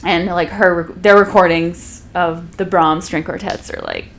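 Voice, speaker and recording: A young woman being interviewed on a podcast, talking in a loose, rambling way full of fillers and quick laughs. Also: on the low side, fairly even intonation, gravelly, slight background noise. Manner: rambling, many fillers and restarts, laughs often. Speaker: podcast guest, violist and comedian. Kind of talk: casual interview chat.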